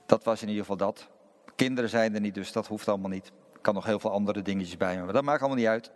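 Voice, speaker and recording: A man preaching a sermon as pastor and reading scripture aloud, slow and deliberate with pauses. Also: medium pitch. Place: church. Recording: long reverb of a church hall.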